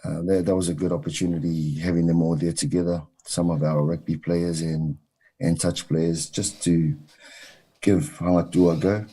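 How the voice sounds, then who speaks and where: A man from New Zealand, a wrestling coach, answering interview questions in a measured way with frequent ums and uhs. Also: low voice, steady tone, dark tone, breathy edge.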